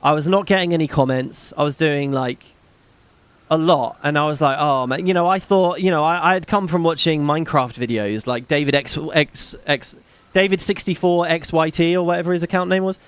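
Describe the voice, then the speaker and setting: Fairly quick and smooth, this man's voice is on the high side as he hosts a gaming livestream. He reads viewer comments and donations in a casual, rambling manner, swearing and running himself down, with a slight British accent.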